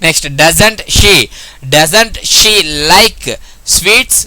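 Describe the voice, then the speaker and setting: A man with a Telugu accent teaching English grammar, who explains in Telugu and reads the English example sentences slowly and deliberately. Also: high voice, sharp tone, no room sound, rough recording.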